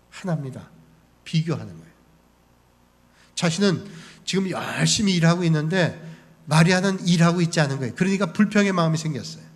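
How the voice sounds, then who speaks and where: A man preaching as a pastor, telling the story and briefly acting out the people in it. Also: high-pitched. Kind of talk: sermon. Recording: long hall reverb.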